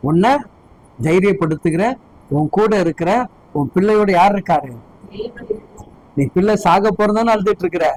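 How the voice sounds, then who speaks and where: A man's voice: high-pitched, normal speed, long pauses, a little mellow, no room sound, poor audio. A man preaching a sermon as pastor, fervently firing repeated questions at his congregation.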